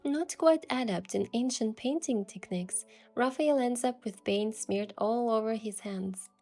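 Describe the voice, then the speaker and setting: Telling a romantic tale as its first-person heroine, a young woman speaks gently in a soft, hushed voice that's on the high side and unhurried.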